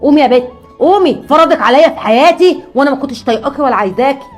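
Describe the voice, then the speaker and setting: A woman's voice: high voice, lively intonation, racing, soft background music. An actress playing a cruel, scornful middle-aged mother-in-law in a sketch, speaking with an Egyptian accent. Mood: spiteful. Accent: Egyptian Arabic. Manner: harsh, scornful, insulting. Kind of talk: comedy sketch acting.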